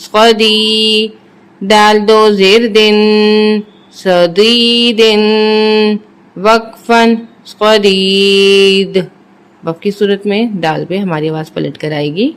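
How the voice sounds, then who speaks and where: Quran teacher, Pakistani Urdu accent, slow drawn-out syllable drills, quick low explanations, smooth clear voice. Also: fairly bright tone.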